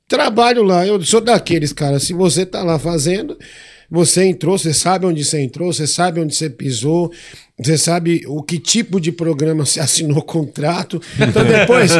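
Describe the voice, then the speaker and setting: Brazilian male guest, slightly high voice, lively anecdote teller who swears freely. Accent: Brazilian Portuguese. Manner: animated, swears freely, voices the people in his stories. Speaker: podcast guest. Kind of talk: casual storytelling.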